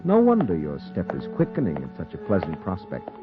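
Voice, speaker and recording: A sinister male noir narrator taunts a doomed man, addressing him insistently as "you" in a theatrical, ominous way. His low voice swoops wildly in pitch at a brisk pace. The recording is a muffled, tinny 1940s radio broadcast with music behind.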